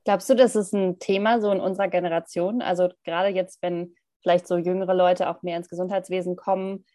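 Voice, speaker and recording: A woman's voice: fairly low pitch, fairly even intonation, a little fast, mellow, dry recording, studio quality. A woman co-hosting an interview, posing long, searching questions. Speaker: podcast co-host.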